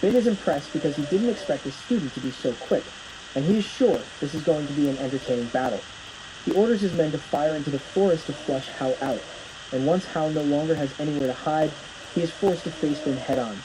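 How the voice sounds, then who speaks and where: A man's voice: a little high, noisy background. A man narrating a plot recap from a script, telling the story as it unfolds.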